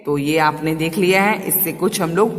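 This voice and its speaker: A woman's voice: low voice, normal speed, soft background music. A woman teacher giving a Hindi lesson to small children, coaxing them and repeating words for them to echo.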